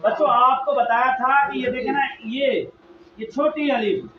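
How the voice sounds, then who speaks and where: A man teaching children to read the Quran, drilling them with repeated questions and loud emphasis, with a Pakistani Urdu accent. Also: very high voice, steady tone, a little slow. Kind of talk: classroom lesson to children. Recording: echoey, distant, muffled, noisy room.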